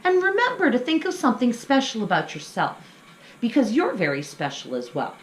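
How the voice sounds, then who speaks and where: Her pitch swoops wildly as this middle-aged host, speaking fairly quickly in a higher voice, runs a craft lesson for small children. She explains each idea simply and encourages them along. The recording has an echoey room sound and faint noise behind it.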